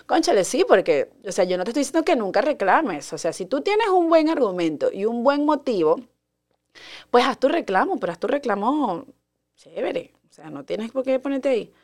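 Woman, fairly high voice, confiding casual podcast chat. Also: sing-song, moderate pace, darkish tone. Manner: chatty and confiding, reads friends' messages aloud. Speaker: podcast host.

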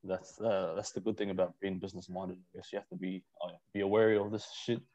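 Fast-talking New man hosting. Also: sits low, flat delivery, mellow. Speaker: podcast host. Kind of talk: casual, slangy interview chat. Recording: slightly dull call audio.

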